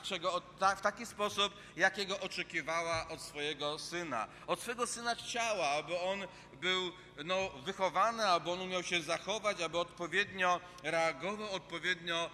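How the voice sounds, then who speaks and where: A man from Poland preaching a sermon in an earnest, repetitive way, pausing on fillers. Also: high voice, pushed and bright, a little hiss or hum. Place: church hall. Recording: long reverb of a large hall.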